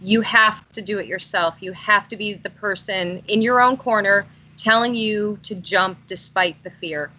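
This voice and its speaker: Bright, bubbly chatty woman. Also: mid-range voice, measured pace, few pauses, rough recording. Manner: bubbly, rambling, self-deprecating. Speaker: author guest. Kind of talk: casual chat.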